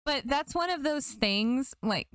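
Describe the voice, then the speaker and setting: A woman co-hosting a podcast, jumping in eagerly with quick agreement and asides. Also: sits high, expressive, a bit bright, smooth, no echo. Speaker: podcast co-host. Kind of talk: casual chat.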